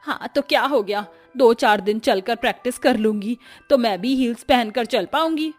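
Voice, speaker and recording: A woman voicing a bossy, stubborn older mother-in-law in an animated cartoon story, who wails and complains loudly. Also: on the high side, moderate pace, soft background music, natural voice.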